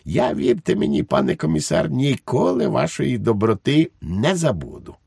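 A man's voice: mid-range voice, sing-song, normal speed, vocal fry, darkish tone, breathy edge, no room sound, clean studio sound, pitched above the performer's own voice, exaggerated voice. A man voicing a cheerful, simple-minded good soldier in an audiobook, eager and politely naive. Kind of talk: audiobook character voice.

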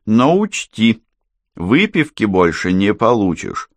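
A man voicing a short, stocky woman bartender with a hoarse, gruff voice who barks orders, in an audiobook. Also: fairly low pitch, big pitch swings, slow pace, dry recording, pitched above the performer's own voice, full character voice. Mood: grudging. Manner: barking, shouting orders.

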